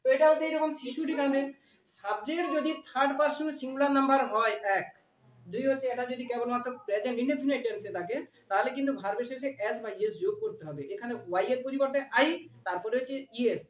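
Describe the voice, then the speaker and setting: A woman teaching English grammar in Bengali. She repeats example sentences slowly and asks questions that she then answers herself. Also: high voice. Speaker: English teacher and channel host. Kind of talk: Bengali-medium grammar lesson. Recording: echoey, dull lo-fi room sound.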